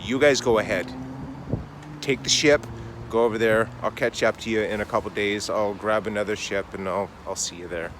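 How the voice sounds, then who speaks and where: A man's voice: on the low side, steady tone, moderate pace, noisy background, pitched below the performer's own voice, natural voice. A man voicing a tired, hardworking businessman and father, speaking wearily in a told story. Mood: resigned.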